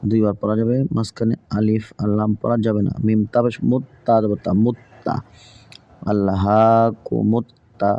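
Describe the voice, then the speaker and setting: The recording is lo-fi with no room sound, and the man's voice sits on the low side with little pitch movement. He is teaching Quran reading, patiently drilling each word slowly letter by letter for learners, then reciting the verse melodically.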